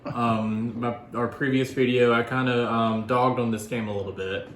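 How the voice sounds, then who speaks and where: A man talks through a board game review as a guest, in casual conversational speech. He explains things in a loose, rambling way at a middle pitch. The room around him is clearly echoey. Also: fairly even intonation, normal speed, slight background noise.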